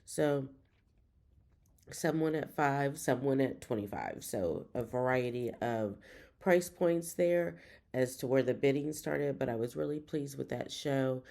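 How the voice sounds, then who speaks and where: A woman's voice: extremely low pitch, a little slow, gravelly, dark tone. A woman giving a casual, chatty vlog update as a reseller, winded and rambling along upbeat. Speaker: reseller vlogger.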